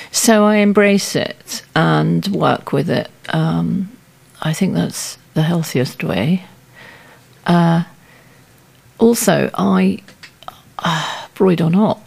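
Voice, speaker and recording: A woman's voice: on the low side, gravelly, darkish tone, slightly rough. A woman sculptor answering questions in a radio studio interview, speaking hesitantly with many fillers as she thinks aloud.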